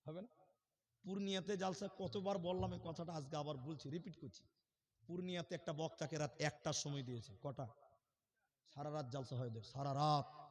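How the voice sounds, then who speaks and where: A man from Assam preaching at a religious gathering, joking with the crowd and then swelling into loud, drawn-out chanting. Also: a little high. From Assam, India. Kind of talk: sermon with jokes and chanted verses. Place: outdoor gathering stage.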